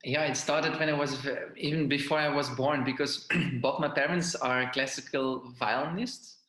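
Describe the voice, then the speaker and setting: A young Belgian man talks about his training in a bright, forward voice. He speaks haltingly, restarting his phrases often. The room around him rings with noticeable echo. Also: medium pitch, fairly even intonation. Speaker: violinist guest. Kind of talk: interview conversation. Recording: roomy echo.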